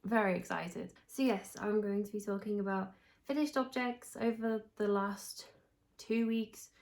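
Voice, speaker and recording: A young English knitting podcaster chats to camera sounding congested and hoarse as she recovers from being unwell. Her medium-pitched voice is a little mellow and fairly even, the pace a little slow, with rambling restarts throughout.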